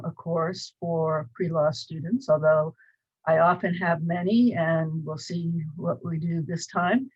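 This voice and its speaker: Speaking into a webcam at her desk in a small home office, a college instructor in her sixties from Cleveland, Ohio, with a Northern US accent, rambles chattily through an introduction to her course, filler words throughout. Her voice is lowish and the sound quality is lo-fi.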